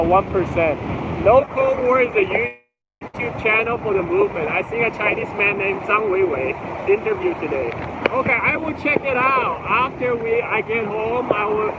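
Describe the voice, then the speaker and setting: A man's voice: high voice, muffled recording. A man in his forties chatting casually with his livestream viewers during a road trip, rambling and answering their questions as they come in. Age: 40s. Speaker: livestream host. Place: moving vehicle on a road trip. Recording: loud wind and road noise.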